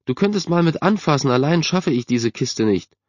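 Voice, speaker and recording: A man's voice: a little high, animated, normal speed, a little mellow, dry recording, voice pushed up. A man voicing a weary, nagging mother who calls out and scolds in a raised voice, in a dull, dry recording. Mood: annoyed.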